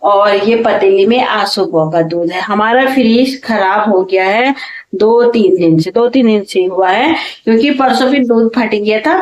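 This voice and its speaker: A woman from Uttarakhand in her thirties, loudly and chattily vlogging her day at home and in the kitchen while feeling a bit unwell. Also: mid-range voice, unhurried, highs cut off. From Uttarakhand, India. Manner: loud, talkative, says she speaks loudly by habit. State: unwell, tired. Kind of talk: casual home vlog chat. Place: small home rooms and kitchen. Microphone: clip-on mic at times, later phone camera without it.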